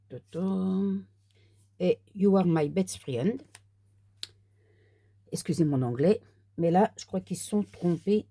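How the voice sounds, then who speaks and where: Woman with a low gravelly voice walking through a card kit, soft and easygoing, dry close sound. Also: dry recording. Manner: soft, unhurried, talks while working with paper. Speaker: crafter demonstrating a card kit. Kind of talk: casual crafting tutorial.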